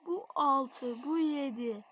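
A young person commenting casually on a driving game, chatty and excitable, cheering and counting along. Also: female voice, high-pitched, slow. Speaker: gaming channel host.

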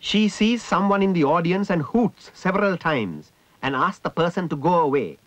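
A man narrating a ritual in a measured, descriptive way. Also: high voice, expressive, no echo.

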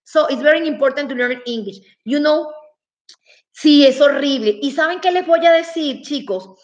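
A high-pitched woman teaching a relaxed online class. She talks in a chatty, emphatic way and speaks straight to her viewers. The sound is a little dull and lo-fi. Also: unhurried. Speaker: English teacher. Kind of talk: casual online lesson.

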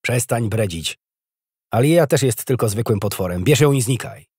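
A man's voice: fairly low pitch, a little fast, breathy edge, no echo. A man voicing a cold, commanding young prince who speaks curtly with dry authority. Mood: dryly mocking.

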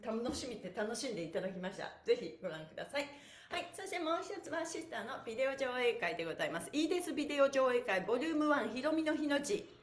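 A middle-aged woman hosts a stretch class on a livestream, chatting to viewers in a high voice that swings widely in pitch at a quick clip. She's effusive, playful and encouraging, often breaking into laughing exclamations. The bare room around her gives the recording a noticeable echo.

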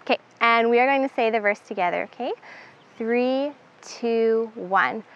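Casting: young woman, children's club teacher, high bright voice, unhurried, slightly dull lo-fi recording. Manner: upbeat, instructive, counting down for the kids. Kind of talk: leading children in Bible verse memorization.

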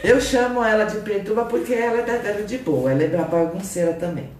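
A woman's voice: mid-range voice, fast, a little mellow. A Brazilian woman teaching a painting craft on a live stream, greeting viewers by name as she instructs. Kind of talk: casual live craft lesson. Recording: roomy sound from a distant mic, faint noise.

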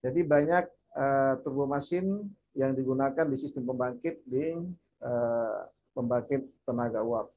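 A man's voice: medium pitch, measured pace, phone-quality sound, a little hiss or hum. Man lecturing on a video call. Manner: explanatory, lists parts with many fillers and repeats. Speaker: university lecturer. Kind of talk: online lecture. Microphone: computer mic on a video call.

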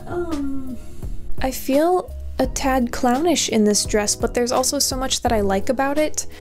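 Chatty higher-voiced woman vlogging. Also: a little slow, a little mellow, faint music behind. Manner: chatty and self-deprecating, playful asides. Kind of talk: casual vlog chat.

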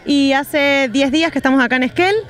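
On a street beside parked vans, a cheerful young woman from Rosario, Argentina, a traveling artisan, chats about her travels in a street interview, speaking Argentine Spanish into a handheld reporter mic outdoors. Her voice sits a touch high and a bit bright, with fairly even intonation and a fairly quick pace, and she keeps dropping fillers like "y bueno" between thoughts.

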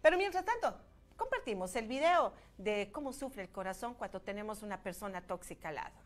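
A woman's voice: medium pitch, big pitch swings, brisk. A woman presenting a casual television talk show in a studio. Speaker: TV show host.

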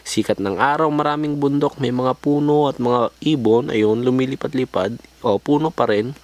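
A man's voice: mid-range voice, moderate pace, a little mellow. A young man from the Philippines telling his life story over drawings in a crude, joking way, swearing a lot and slipping into English slang. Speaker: vlogger.

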